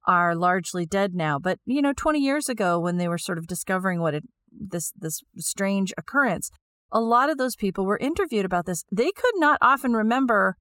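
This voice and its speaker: A woman's voice: mid-range voice, a bit bright, no room sound, clean studio sound. A woman lecturing, explaining an idea step by step and sometimes repeating phrases as she thinks aloud.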